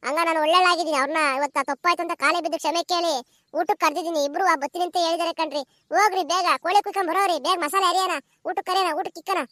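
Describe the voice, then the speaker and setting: A woman playing a shrill, fast-talking village wife in a cartoon, pleading and bossy by turns. Her very high, bright voice races along in a sing-song rural manner. The sound is dry and close. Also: steady tone, dry recording. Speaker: narrator voicing village women.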